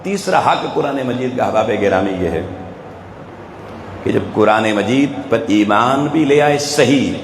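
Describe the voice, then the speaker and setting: A man's voice: mid-range voice, lively intonation, a little hiss or hum. A man with a Pakistani Urdu accent giving a sermon to a live audience, pressing them with rhetorical questions. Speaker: religious speaker. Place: event hall with an audience. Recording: echoey hall, faint ambience.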